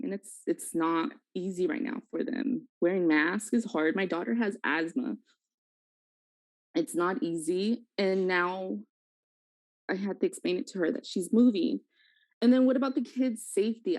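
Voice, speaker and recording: A woman, a parent, giving an emotional public comment at a school board meeting over a video call, halting and full of fillers. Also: mid-range voice, a little mellow, no echo, poor audio.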